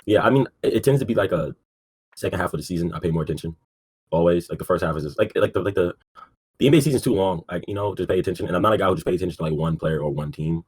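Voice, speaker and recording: Young man, very low voice, husky, laid-back sports chat, lots of fillers. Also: rapid-fire, darkish tone. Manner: laid-back, says 'like' and 'um' a lot, swears casually. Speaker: podcast co-host.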